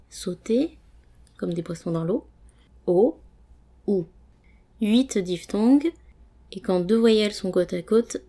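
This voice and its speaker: A woman's voice: mid-range voice, mellow. A woman giving a casual language lesson, reading out word lists and glossing each item, friendly and encouraging, with frequent fillers. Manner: reads word lists with French glosses, pausing between items. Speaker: language teacher.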